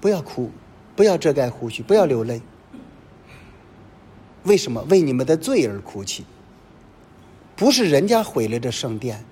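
Man preaching with lively pitch. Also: husky. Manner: animated preaching full of rhetorical questions. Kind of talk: sermon. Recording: long reverb with faint low rumble.

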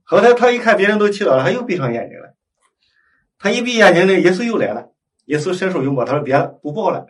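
A man's voice: high-pitched, quick pace. Man telling a prayer story from a distance. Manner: retells dialogue in lively acted-out quotes. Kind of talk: storytelling in conversation.

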